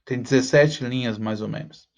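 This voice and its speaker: A man teaching a class, walking students through a task with frequent "tá?" check-ins and slowing down to spell out the rhymes. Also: medium pitch, darkish tone. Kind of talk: online class walkthrough.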